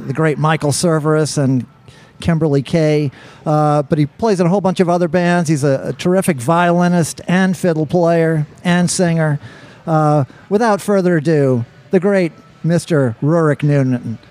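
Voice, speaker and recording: A man co-hosting a casual podcast conversation, agreeable and quick to laugh. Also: on the high side, a little mellow. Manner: laughs easily, agreeable filler replies. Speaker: podcast co-host. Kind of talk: casual chat.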